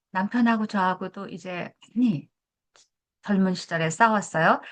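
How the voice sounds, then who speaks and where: A woman in her seventies, a family therapy professor, lecturing in a conversational way and telling a story from her own marriage. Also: medium pitch. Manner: conversational, asks listeners for agreement.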